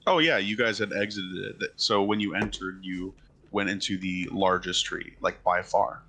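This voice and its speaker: A man narrates a tabletop game as its game master. His voice is bright and forward with a creaky, gravelly grain, slightly low in pitch, and his delivery stays casual and conversational. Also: normal speed.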